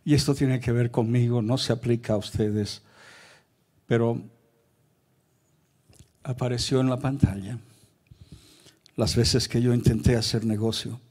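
A man's voice: medium pitch, steady tone, a little mellow. A middle-aged man with a Chilean Spanish accent, a pastor giving an emotional sermon testimony and reenacting his anguished pleas. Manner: emotional, reenacts his cries with raised, drawn-out pleading.

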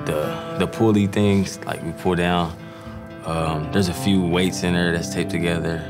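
Very deep-voiced man, halting. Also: steady tone. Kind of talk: documentary interview. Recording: background music under the voice.

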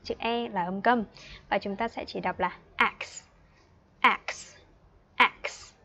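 A woman in her twenties with a Northern Vietnamese accent, teaching an online English class for young children, patient and playful, repeating words slowly. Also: mid-range voice, fairly even intonation, gravelly. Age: 20s. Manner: chatty and playful, laughs often.

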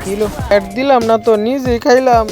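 A man giving comic, teasing commentary over a shooter match, yelling at his teammates. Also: extremely high pitch, steady tone, normal speed, faint music behind. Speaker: gamer.

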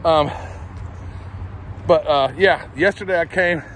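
A man's voice: a little high, slow pace, a bit bright, slight background noise. A middle-aged man, chatting casually into his phone while walking a trail, a bit out of breath. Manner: chatty, rambling, self-deprecating. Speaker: vlogger. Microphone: phone held while walking.

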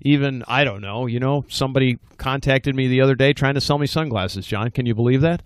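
A man co-hosting a home improvement talk show, chatty and joking with his partner. His voice is at a medium pitch and sounds dry and close, with almost no room around it. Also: fairly quick, smooth, no echo. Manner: jokey, chatty. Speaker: co-host. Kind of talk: casual chat.

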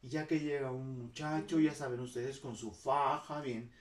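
A woman's voice: very deep voice, fairly even intonation, moderate pace, darkish tone, recorded from a distance. A woman with a Mexican accent telling personal stories to her viewers in a chatty way, acting out the people she quotes. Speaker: vlogger. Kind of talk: casual storytelling to viewers. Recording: roomy, mic set back.

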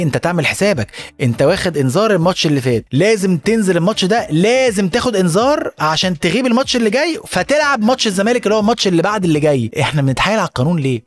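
A man with an Egyptian accent hosting a satirical comedy podcast, ranting with profanity, appealing to his listeners and mixing in English words. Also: high voice. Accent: Egyptian Arabic. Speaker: podcast host.

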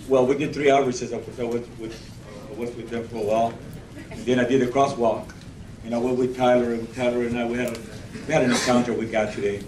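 A man giving a halting testimony at a church meeting, restarting his sentences often. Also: mid-range voice, darkish tone, slight background noise. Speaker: outreach volunteer reporting. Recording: echoey room, distant camera mic.

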